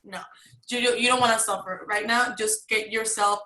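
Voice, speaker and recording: A woman's voice: medium pitch, fairly even intonation, moderate pace, pushed and bright, echoey room, a little hiss or hum, rough recording. A young woman from Mexico, an advertising student, talking casually and rambling with lots of fillers on a video call. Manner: chatty, rambling with many fillers.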